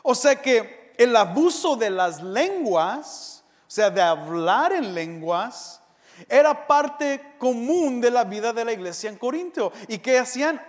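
A man with a high voice preaches an animated sermon. He slips into the voices of the people he quotes and drops in bits of English slang. His words carry a long reverb, as if spoken in a large hall.

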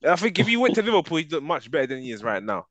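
A man's voice: on the high side, sing-song, racing, over a noisy crowd. A man with a London roadman accent bantering casually about football, teasing and slangy, repeating phrases for emphasis. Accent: London, urban slang (roadman). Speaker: football podcast co-host.

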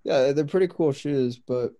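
A man's voice: mid-range voice, normal speed, dark tone. A young man who is a guest on a podcast, chatting casually and asking lots of questions. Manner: easygoing, asks lots of questions. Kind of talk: casual chat.

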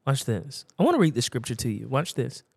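A man's voice: medium pitch, big pitch swings, brisk, gravelly, darkish tone, breathy edge, dry recording, clean studio sound. A man preaching a sermon, telling a personal story in a conversational, emphatic and repetitive way.

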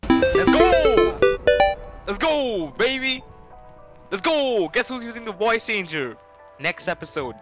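A young man talking through a voice changer that pitches his voice up, cheering loudly on a casual gaming podcast. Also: slow pace, long pauses, music in the background. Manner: loud, excited celebrating. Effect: high-pitched voice changer. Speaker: podcast co-host.

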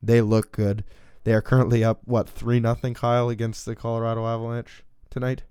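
A man's voice: mid-range voice, monotone, a little fast, dark tone, clean tone, dry recording, studio quality. A young man hosting a casual sports podcast, laid-back, laughing often and passing topics to his co-hosts. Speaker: podcast host.

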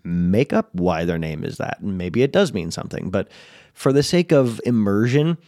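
A man's voice: fairly low pitch, darkish tone, no room sound, clean studio sound. A man with an American accent hosting a podcast, giving casual advice to game masters, laid-back with frequent chuckles and restarts.

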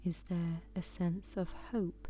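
A woman guiding a sleep meditation in a soft, soothing voice that often drops to a whisper. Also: lowish voice, flat delivery, slow, a little hiss or hum. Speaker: meditation guide.

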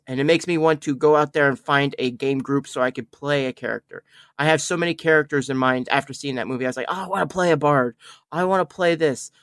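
A podcast host from the Altoona, Pennsylvania area, chatting casually in an animated, rambling way and stumbling over words. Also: medium pitch, clear, resonant tone, dry recording, clean studio sound. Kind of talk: casual review chat.

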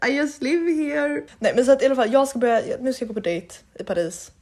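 A woman from Sweden chatting on a casual podcast. Her voice is fairly high and husky. She tells stories in a rambling way, full of fillers and restarts. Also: dark tone. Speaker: podcast co-host. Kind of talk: casual chat. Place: living in Paris.

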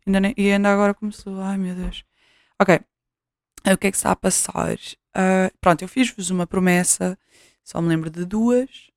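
A woman's voice: mid-range voice, steady tone, moderate pace, a little mellow, dry recording, clean studio sound. A young woman with a European Portuguese accent, chatting casually in a home vlog and testing a new cheap microphone. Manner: chatty, scattered, frequent fillers and restarts. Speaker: vlogger. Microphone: new cheap USB mic, placement shifting.

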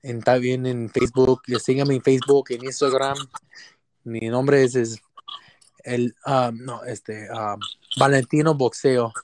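A man with a Mexican accent chatting casually as a podcast guest in halting Spanglish, often repeating words as he searches for the next one. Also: medium pitch, fairly even intonation, rough recording. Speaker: podcast guest, boxer and musician. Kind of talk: casual bilingual podcast chat.

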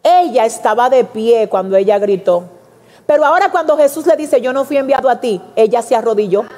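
Woman preacher, animated sermon delivery, higher voice, big reverberant church hall. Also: brisk. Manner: animated, addresses congregation directly, acts out quotes.

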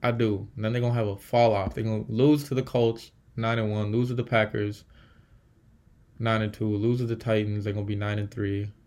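A man's voice: on the low side, level tone, fairly quick, darkish tone. A man hosting a casual solo sports podcast, bluntly trash-talking teams and thinking aloud as he tallies win-loss records. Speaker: podcast host.

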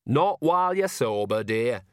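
A man's voice: mid-range voice, very animated, measured pace, smooth, dry recording, clean studio sound. A man voicing an earthy, cheerful old woman witch in an audiobook, blunt and teasing in a homely way.

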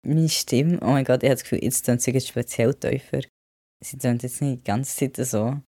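A man with a Swiss German accent chats through a casual vlog, his voice mellow and warm and his pitch staying quite even. He rambles a little and drops English words into his talk. The sound is close and dry. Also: moderate pace, no room sound. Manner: chatty, mixes in English words. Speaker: vlogger.

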